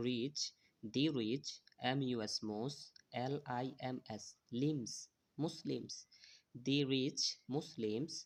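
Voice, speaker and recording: A man teaching English to children, spelling words letter by letter and translating each one. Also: mid-range voice.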